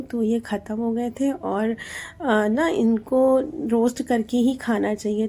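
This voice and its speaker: A woman's voice: fairly high pitch, mellow. A woman in her thirties with a Hindi accent, narrating her daily home routine in a chatty voice-over, explaining each step with lots of fillers. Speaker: homemaker vlogger.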